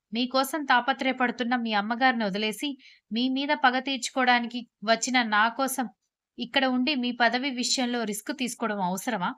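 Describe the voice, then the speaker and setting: A woman narrates a first-person story in a steady, expressive reading voice. Her voice sits a little higher than most women's.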